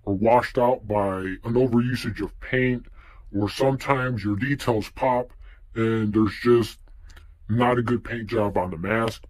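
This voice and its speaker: A young man reviewing a mask in a casual vlog, talking through a face mask, relaxed and rambling with lots of fillers. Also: mid-range voice.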